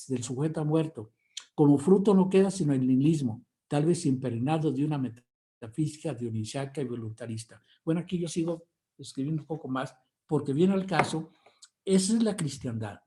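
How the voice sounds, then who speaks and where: Man, Mexican accent, university professor, academic lecture, dark mellow voice, digressive, emphatic, repeats words. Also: fairly high pitch, a little fast. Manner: digressive and emphatic, often repeating words while searching for phrasing.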